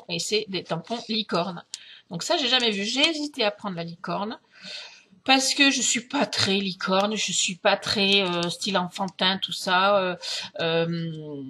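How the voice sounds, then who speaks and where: A woman's voice: fairly low pitch, background noise. A middle-aged woman from France chatting casually through a craft haul, hesitant, with many fillers and restarts. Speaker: craft vlogger.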